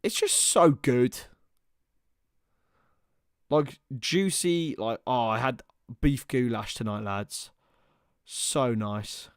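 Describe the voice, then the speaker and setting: A young man with a smooth, mid-range voice talks slowly, leaving long pauses, over clean studio sound with no room sound. He's doing casual live commentary on a football match during a watchalong stream, chatting with viewers. Chatty in manner, he shifts between calling the match and bantering with chat.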